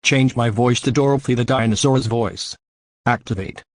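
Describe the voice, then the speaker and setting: A man's voice: medium pitch, normal speed, no echo, lightly acted. A man voicing a delinquent cartoon car, a scheming troublemaker who stiffly narrates his own plans. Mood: determined. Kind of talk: scripted cartoon monologue.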